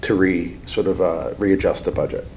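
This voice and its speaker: A man with a low, mellow voice explains his views at a board meeting. He qualifies his points as he goes, with faint noise behind him. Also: normal speed. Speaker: board of finance member. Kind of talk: measured meeting remarks.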